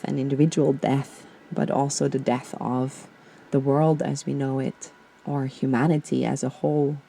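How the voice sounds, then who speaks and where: Woman from austria, slow gentle podcast host, mellow voice, faint music behind. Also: very deep voice, gravelly. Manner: slow, gentle, hesitant with many fillers. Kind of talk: guided reflection and personal talk.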